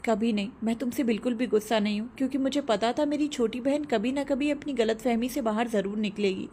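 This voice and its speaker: A cheerful young woman who answers quickly and warmly in a spoken story, her voice fairly high, as a woman narrator reads her. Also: slight background noise, close to an everyday voice. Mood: affectionate. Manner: quick, affectionate.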